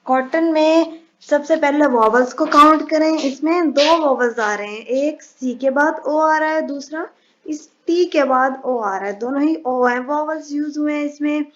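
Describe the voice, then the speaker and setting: A woman with a high voice teaches an English lesson. She explains patiently, step by step, and reads the English examples slowly and carefully. The recording sounds slightly dull and lo-fi. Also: a little hiss or hum.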